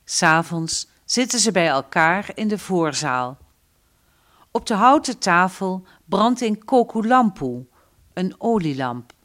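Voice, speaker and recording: Unhurried woman narrator, storybook reading. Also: lowish voice, sing-song, a bit bright. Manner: slow, measured reading.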